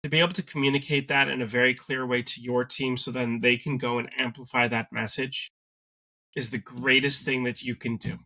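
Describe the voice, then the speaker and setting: A Canadian man talks business in a podcast interview with a bright, forceful edge to his voice. He is articulate and emphatic, and he leans hard on his key points. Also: mid-range voice, flat delivery, fairly quick. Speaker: guest, sales agency cofounder.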